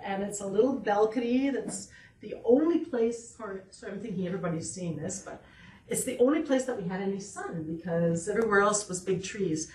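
Middle-aged woman as a horticulture speaker: chatty and joking, warm low-key tone, recorded from across a roomy hall with light hiss. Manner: chatty and joking, asks the audience questions. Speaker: horticulturist giving a library talk. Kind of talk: lively gardening presentation to a live audience. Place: library meeting room. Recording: roomy sound from a distant mic with faint noise.

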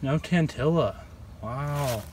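A man's voice: medium pitch, slow pace. A young man narrating a wildlife vlog in the field, talking casually and enthusiastically into a handheld phone. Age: young adult. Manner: informal, enthusiastic, addresses animals as buddy. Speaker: wildlife vlogger. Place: outdoors in woods and by ponds. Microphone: handheld phone at arm's length. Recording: outdoor handheld recording with background noise.

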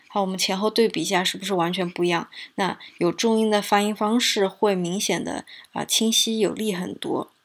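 Gravelly-voiced woman teaching pronunciation. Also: medium pitch. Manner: explanatory, repeats example words slowly, frequent tag questions. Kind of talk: exam prep lesson with spoken demonstrations.

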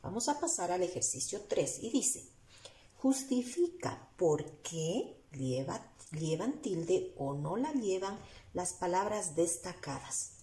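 A woman teacher with an Ecuadorian Spanish accent explains a lesson slowly, step by step, asking her students rhetorical questions as she writes on the board. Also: on the low side, very animated, warm tone. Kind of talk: recorded class lesson. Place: room with a whiteboard. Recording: echoey room.

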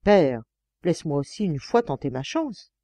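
A woman reading a brave young fencing master, stubborn and determined, from a fairy tale. Her voice stays near her own, mellow and dry. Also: sits low, sing-song, normal speed, dry recording.

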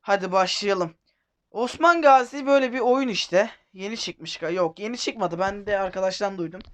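A man's voice: high voice, moderate pace, a bit bright. A man hosting a casual let's-play, rambling, joking and correcting himself as he goes. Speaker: gaming video host.

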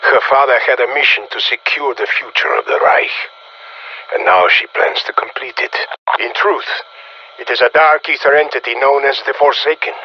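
A man voicing a stern, menacing Soviet colonel in a video game, with a Russian accent, a gruff voice and a commanding, threatening manner over a radio filter. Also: mid-range voice, normal speed, muffled recording. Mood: grave briefing. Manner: authoritative, threatening, clipped orders.

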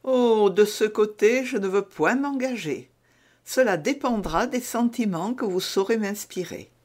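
A man's voice: high voice, a little slow, a little mellow, voice pushed up. A man with a French accent voicing an anxious, secretive young woman in an audiobook, pleading and urgent. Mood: teasing. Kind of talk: audiobook reading.

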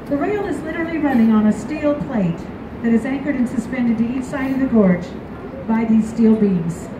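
High-voiced woman tour guide over train noise. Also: expressive, moderate pace. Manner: chatty, informative. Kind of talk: live tour commentary. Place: open-air car of a moving train in a canyon. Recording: echoey loudspeaker over loud train noise. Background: rumbling train and outdoor wind.

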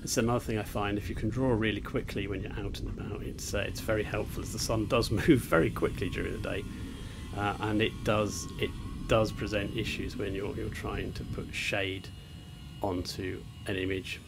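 A man with a fairly low, creaky voice explains an ink sketching demonstration while sitting on rocks on a beach, with background noise audible. He is an art teacher, speaking at a moderate pace with fairly even intonation, hesitating and using lots of fillers and restarts.

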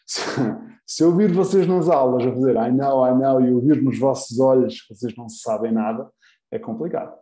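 A man with a European Portuguese accent teaching English in a live online lesson, patiently repeating example phrases slowly and clearly. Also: medium pitch, dark tone, roomy sound.

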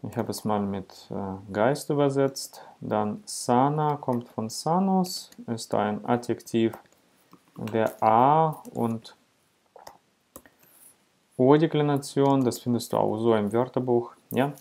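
A man's voice: medium pitch, gravelly, a little mellow. A man teaching a lesson, explaining step by step with patient checks like "right?" and some hesitations. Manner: slow, patient, with frequent "ja?" checks and fillers. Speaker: Latin teacher.

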